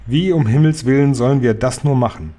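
A man's voice: mid-range voice, fairly quick, warm tone, close to an everyday voice. A man reading a loving old grandmother. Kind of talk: audiobook reading.

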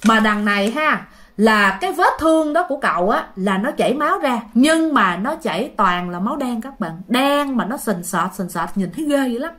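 A woman's voice: on the high side, expressive, moderate pace, a bit bright. Woman telling ghost story. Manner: chatty, addresses listeners directly. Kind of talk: spoken ghost story narration.

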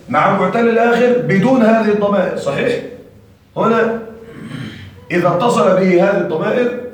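A man teaching Arabic grammar to a class, stopping often to ask the students whether they follow. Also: sits high. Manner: asks the class frequent check questions. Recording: echoey room, mic far off.

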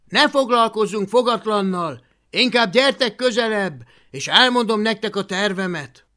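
An audiobook reader voicing an eager young viking boy hero who talks loudly and urgently. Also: mid-range voice, pitched above the performer's own voice, lightly acted. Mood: urgent shouting. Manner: loud, urgent, flattering.

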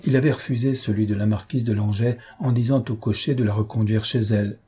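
A male audiobook narrator reads in a measured, dramatic style. His voice sits on the low side, dark and mellow. It has a strongly husky, raspy texture. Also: steady tone. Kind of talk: scripted narration.

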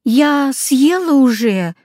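A woman's voice: high-pitched, expressive, slow pace, a little mellow, no echo, studio quality, pitched above the performer's own voice. A woman voicing a frightened little girl in a storybook reading, pleading and tearful.

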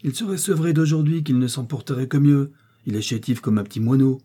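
A man's voice: mid-range voice, lively intonation, moderate pace, dark tone, breathy edge, voice pushed up. A man reading the part of a sly, spiteful older mother-in-law who speaks with honeyed malice.

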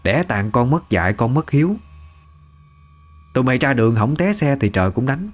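A man voicing a cranky, sharp-tongued bedridden old mother-in-law who scolds with coarse insults. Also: medium pitch, big pitch swings, moderate pace. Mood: bitter.

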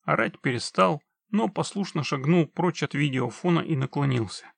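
A man narrating an audiobook in a steady, measured storytelling manner. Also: fairly high pitch, creaky, husky, no echo.

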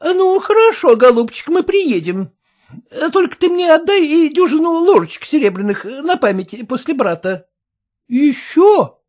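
A woman's voice: high voice, very animated, unhurried, darkish tone, voice pushed up. A woman reading a storybook, voicing a grasping middle-aged woman who haggles shrilly and insistently. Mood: haggling, insistent.

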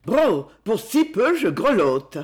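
A gruff, sly rough man with a blunt, familiar way of talking, as a male storyteller puts him on. The voice sits fairly high and swings widely, and the suspicion shows through in a storybook reading. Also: sing-song, slow pace, full character voice.

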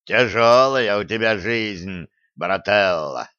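A man reading an audiobook, voicing a huge, gruff male ex-convict who talks in low booming prison slang. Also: lively intonation, slow, bright, forceful tone, no echo, heavily acted. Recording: dull dry close recording.

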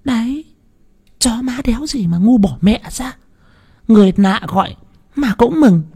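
A man voicing a shrill, stingy old village wife who scolds and schemes. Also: animated, measured pace, vocal fry, warm tone, husky, full character voice. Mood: scolding. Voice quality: high, strained, nagging.

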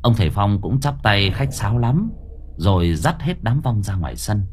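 A man narrating an audio story in a lively, dramatic way. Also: on the low side, normal speed, noisy background.

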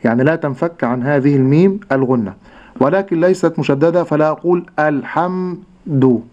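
A man with an Egyptian accent teaching Quran recitation on a radio lesson, speaking slowly and patiently and drawing out words to demonstrate sounds. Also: a little high, warm tone. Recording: dull lo-fi radio recording.

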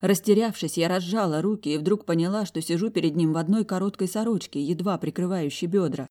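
A woman narrating a first-person audiobook in an emotional, expressive reading. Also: fairly low pitch, a little fast.

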